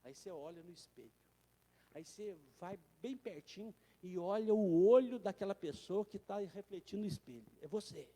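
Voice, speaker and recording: High-voiced preaching man, reverberant church. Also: animated, moderate pace. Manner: emphatic, swings from quiet asides to loud exhortation; addresses listeners directly as brothers. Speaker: pastor. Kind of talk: sermon.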